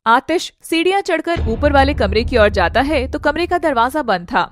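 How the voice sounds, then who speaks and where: A woman's voice: sits high, expressive, moderate pace, faint music behind. A woman narrating a dramatic family story expressively.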